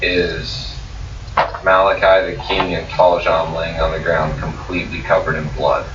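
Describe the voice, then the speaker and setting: A man narrating as dungeon master at a tabletop game, slow and grim, with swearing. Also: low-pitched, completely flat delivery, distant mic. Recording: roomy, muffled, noisy recording from off mic.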